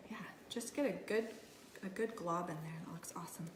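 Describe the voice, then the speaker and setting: A woman's voice: on the low side, brisk, roomy sound, a little hiss or hum. A woman food blogger giving a casual cooking tutorial in her home kitchen, talking chattily while she works with her hands.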